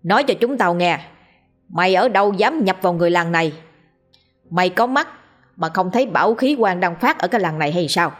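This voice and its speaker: A woman voicing a gruff older male exorcist who scolds and mocks a ghost harshly. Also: fairly low pitch, expressive, a little fast, long pauses, faint music behind. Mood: mocking. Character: gruff old male exorcist, mocking and stern.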